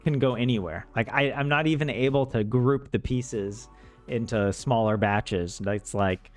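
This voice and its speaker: A streamer from the American South who is learning Finnish chats casually on a livestream, rambling and joking at his own expense. English is his first language. His voice is medium-pitched and unhurried, with soft music playing behind him.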